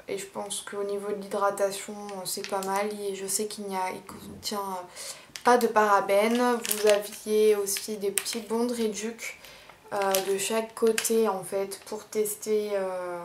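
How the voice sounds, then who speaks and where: Slow-talking woman vlogger. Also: mid-range voice, noisy background. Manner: unhurried and chatty, many fillers. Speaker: beauty vlogger. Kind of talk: casual haul vlog.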